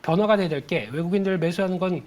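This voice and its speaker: A man giving stock market commentary in a TV studio, with brisk, clipped calls. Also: high-pitched, darkish tone.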